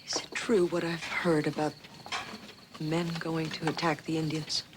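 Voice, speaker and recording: A woman's voice: low-pitched, flat delivery, a little slow, background noise. An actress playing a stern, commanding pioneer mother who pleads firmly and formally, heard from a worn tape copy. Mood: urgent. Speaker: frontier mother.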